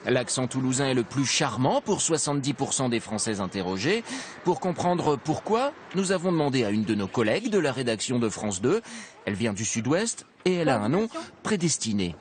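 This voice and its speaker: A man presenting the news with an expressive, varied pitch and a measured delivery. There is faint background noise.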